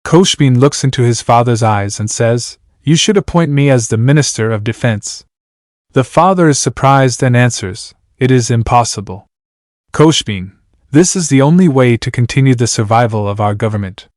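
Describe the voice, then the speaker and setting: A man's voice: medium pitch, animated, normal speed, darkish tone, dry recording. Male narrator, mid-range voice, dry booth sound, reads every character plainly. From Iran. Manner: reads all characters in the same voice, announcing speaker names. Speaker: narrator reading his novel. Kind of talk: flat audiobook narration.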